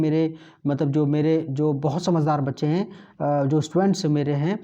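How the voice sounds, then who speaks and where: A man teaching an English grammar lesson in Hindi, slowly drilling example sentences and repeating each one in Hindi. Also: fairly high pitch, dark tone. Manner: chatty, mutters while flipping pages. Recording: dull lo-fi recording.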